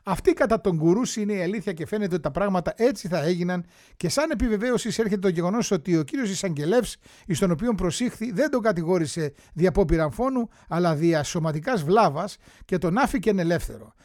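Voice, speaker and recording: A man's voice: sits high, animated, a little mellow, dry recording, clean studio sound. A man reading an old newspaper story aloud, acting out the quotes and dropping wry, chatty asides to his listeners.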